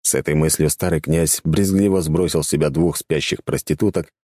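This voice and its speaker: A man calmly narrating a fantasy audiobook. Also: a bass voice, a little fast, no echo, clean studio sound. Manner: calm, even storytelling.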